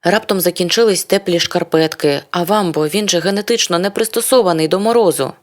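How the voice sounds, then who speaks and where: Brief: audiobook reader, first-person literary narration, brooding and introspective, mid-pitched voice. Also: brisk. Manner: brooding, introspective, rhetorical questions.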